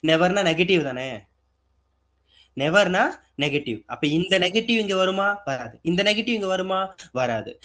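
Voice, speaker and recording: His voice sits high and sounds expressive and fairly bright, moving at a normal speed with frequent pauses. The man is giving a grammar lesson for exam preparation, questioning his students and answering himself while repeating the important points.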